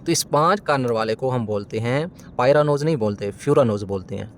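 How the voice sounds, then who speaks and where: A man's voice: medium pitch, brisk, a little hiss or hum. Self-correcting male chemistry lecturer. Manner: poses questions and answers them himself, often corrects himself mid-sentence. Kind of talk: classroom lecture explaining a diagram.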